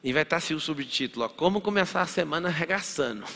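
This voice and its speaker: Man, Brazilian Portuguese accent, motivational lecture, bright sharp tone, gravelly, long hall reverb. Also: on the high side, expressive, quick pace. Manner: punchy, acts out dialogues, fires rhetorical questions. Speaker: motivational speaker.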